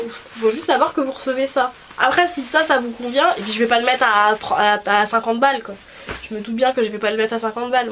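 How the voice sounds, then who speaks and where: A woman's voice: on the high side, a bit bright. A young woman with a blocked nose and a honking, nasal voice, chatting casually and rambling informally as a vlogger. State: congested with a cold. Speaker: cosplay vlogger. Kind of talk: casual video chat. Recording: clearly noisy background.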